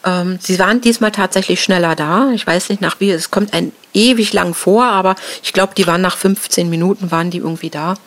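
A woman's voice: on the low side, a bit bright. German-speaking woman recounting a frightening attack. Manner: halting, many fillers and restarts. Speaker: interviewee. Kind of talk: emotional personal account.

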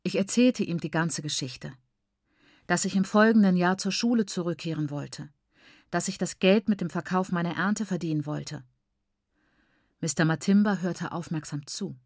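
A woman narrating a first-person story in a measured, expressive reading. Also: on the low side, no echo, studio quality. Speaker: audiobook narrator.

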